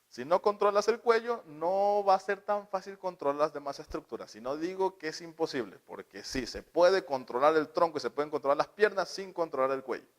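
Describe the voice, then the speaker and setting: Man, lecturer to parents, fairly high voice, asks the room questions, acts out quoted lines. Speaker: lecturer on child development. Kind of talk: live talk to parents.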